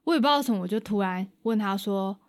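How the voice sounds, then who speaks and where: A woman's voice: mid-range voice, racing, no room sound, studio quality. A young woman, a guest on an interview show, animatedly retelling an experience and acting out the dialogue. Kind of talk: casual storytelling in an interview.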